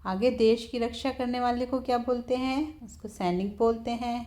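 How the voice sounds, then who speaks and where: A woman teacher, patiently explaining a textbook lesson to young children, often slowing down to repeat words. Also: on the high side, steady tone, mellow. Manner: patient, repeats words slowly, keeps saying "theek hai".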